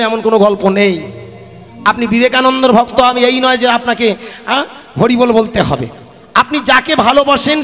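A man's voice: very high voice, sharp tone. A man giving an impassioned devotional kirtan sermon to gathered devotees, addressing them as father and mother and breaking into sung chanting. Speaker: kirtan singer and preacher. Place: religious gathering stage, standing before devotees. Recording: long hall reverb over live PA with instruments.

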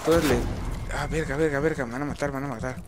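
A man's voice: mid-range voice, fairly even intonation, very fast, over loud music. A young man with a Mexican accent giving casual gameplay commentary, swearing and rambling through stories. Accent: Mexican Spanish. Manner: crude, swearing, rambling storytelling. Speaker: gamer. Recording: loud background noise.

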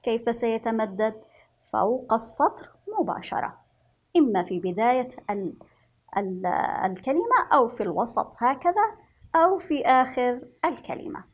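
A Yemeni woman teaching a children's reading lesson, speaking slowly and encouragingly and stretching out letter sounds. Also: a little high, lively intonation. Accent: Yemeni Arabic. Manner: slow, sing-song, encouraging, drawn-out letter sounds.

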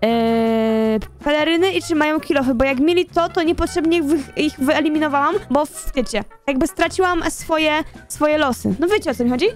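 High-voiced young woman chatting over gameplay. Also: normal speed, few pauses, faint music behind. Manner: chatty, thinks aloud while playing. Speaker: gaming YouTuber. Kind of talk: casual gameplay commentary.

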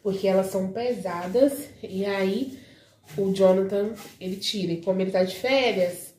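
A woman's voice: medium pitch, a little mellow, slight background noise. Chatty woman filming her cleaning day. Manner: chatty, addresses viewers as "gente". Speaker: vlogger. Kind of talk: casual vlog chat. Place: home.

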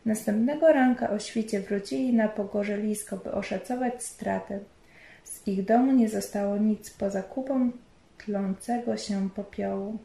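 Mellow woman narrating in a roomy space. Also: mid-range voice, gravelly. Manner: measured, storytelling. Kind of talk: scripted narration. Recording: roomy echo.

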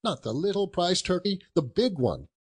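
A man's voice: mid-range voice, big pitch swings, a little slow, darkish tone, husky. A man voicing an elderly reformed miser in a storybook reading, jubilant and effusive, full of exclamations and chuckles. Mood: giddy, delighted.

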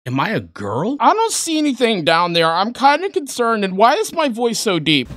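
Deadpan commentator with a deep pitch-shifted voice. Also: normal speed, dry recording, clean studio sound. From American South. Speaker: reaction video commentator. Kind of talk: sarcastic scripted commentary.

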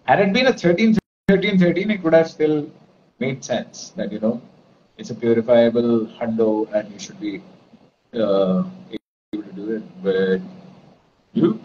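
Casting: male streamer in his twenties, Indian accent, rambling casual chat, mid-pitched voice, background noise. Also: a little slow, a little mellow. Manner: rambling, switches between English and Hindi. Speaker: live stream host. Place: indoors, plain-walled room. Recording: dull lo-fi stream with clear noise.

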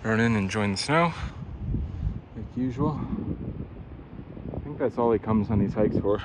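A man filming himself on a mountain trail outdoors, casually narrating his hike in a relaxed way and chatting to his dog. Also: fairly low pitch, a little slow, background noise. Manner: relaxed, talks to his dog between remarks. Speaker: hiker filming his own vlog. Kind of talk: casual narration while hiking.

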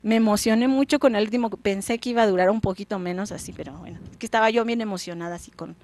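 A young Mexican woman hosting an educational program, telling a folk tale in an animated, expressive way. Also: quick pace. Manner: animated, expressive, with lively pitch swings. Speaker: storyteller host. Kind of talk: radio storytelling for school children.

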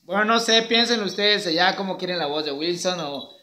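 A man's voice: sits high, a little fast, bright, forceful tone. A male schoolteacher chatting playfully with a puppet, sending greetings to his students and laughing easily. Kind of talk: casual chat with a puppet.

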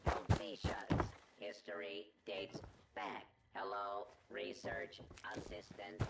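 A man voicing a malfunctioning male parade robot in a video game, glitching and repeating error messages in a flat, mechanical way. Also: fairly low pitch, slow pace, gravelly, reverberant. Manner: flat, mechanical announcement delivery. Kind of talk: video game character dialogue. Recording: loud background noise.

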